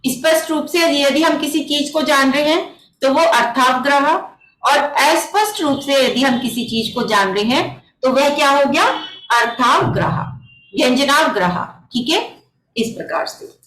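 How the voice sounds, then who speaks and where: A woman with a high voice teaches a scripture class over a video call. She explains each point patiently and keeps asking rhetorical questions. Her voice carries a noticeable echo from the room. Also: unhurried, a bit bright, soft background music. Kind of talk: online religious text class. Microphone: computer mic on a video call.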